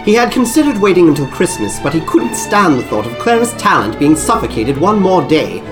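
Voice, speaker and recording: A man's voice: on the high side, wildly swooping pitch, a little fast, music in the background, rough recording. A man narrating a story in a storytelling manner. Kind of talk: scripted narration.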